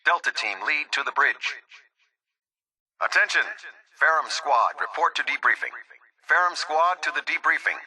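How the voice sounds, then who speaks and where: An actor playing a stern, commanding military airship captain in a game, making crisp, formal announcements to his troops through a radio-style loudspeaker filter. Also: on the high side, poor audio. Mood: firm, official. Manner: crisp, authoritative, measured military delivery. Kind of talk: formal speech and announcements over a public address system.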